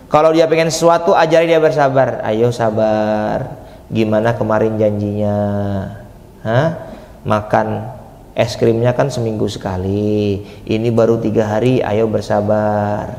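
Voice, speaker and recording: A man delivers a sermon in with a lilt, his voice sitting somewhat high for a man. He talks conversationally, throwing questions to the crowd and answering them. The sound is roomy, with a long hall echo. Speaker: preacher. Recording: echoey hall, reverberant.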